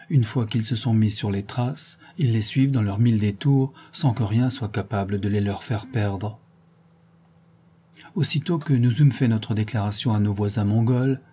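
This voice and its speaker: A man narrating an old travel account in a measured, formal reading. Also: medium pitch, dark tone, husky. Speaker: audiobook narrator.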